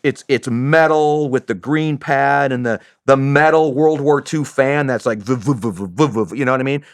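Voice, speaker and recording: Lively middle-aged man telling a story. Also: a little high, clean tone, dry recording, clean studio sound. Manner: lively, animated storyteller with many restarts, acts out voices. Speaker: former special operations soldier, podcast guest. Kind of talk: storytelling in a podcast interview.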